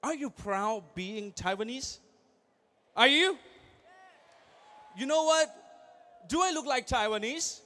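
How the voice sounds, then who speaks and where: A young man from Thailand, giving an energetic motivational speech at a large convention and firing questions at the crowd. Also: extremely high pitch, takes it slowly, pauses often. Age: young adult. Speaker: convention speaker.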